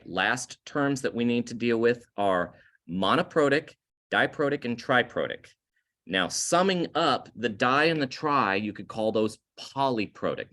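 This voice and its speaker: Speaking in a mid-range voice with a fairly bright tone, a male chemistry teacher gives a slow, slide-based recorded lecture. He stresses important terms and corrects himself as he talks.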